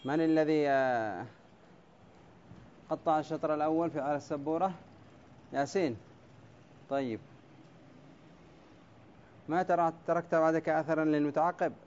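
A male teacher in a classroom, going over poetic meter at the board, drawing words out slowly syllable by syllable and calling on students by name. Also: a little high, a little mellow, lo-fi sound, slight background noise. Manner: quizzes students by name, brief praise. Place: classroom with a blackboard.

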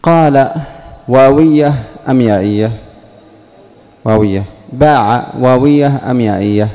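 Arabic grammar teacher in a reverberant hall. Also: male voice, mid-range voice, moderate pace, mellow. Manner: repeats key points and questions the students. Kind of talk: classroom lesson. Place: classroom.

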